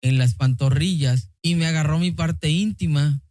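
A man's voice: a little high, normal speed, darkish tone, no room sound, clean studio sound. A man with a Mexican accent narrating a personal story in the first person, earnest and emotional.

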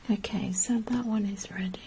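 A woman whispering slowly and carefully through an ear-cleaning ASMR roleplay. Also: medium pitch, steady tone, creaky, background noise. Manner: soft unvoiced whisper, slow and careful.

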